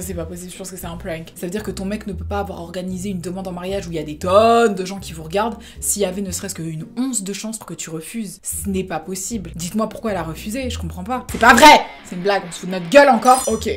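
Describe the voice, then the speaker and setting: A woman's voice: mid-range voice, fast, few pauses. A young woman hosting a casual reaction vlog, gushing and exclaiming and mixing English words into her talk. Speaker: reaction video host.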